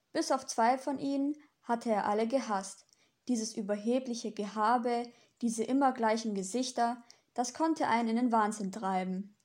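A woman reads a novel chapter aloud as narrator. Her voice sits somewhat high. She tells the story in a steady, expressive way. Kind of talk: audiobook narration.

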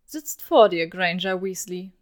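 A woman's voice: lowish voice, unhurried, lightly acted. A woman voicing a sarcastic young wizard man with a scratchy throat, speaking in a theatrical, mocking drawl.

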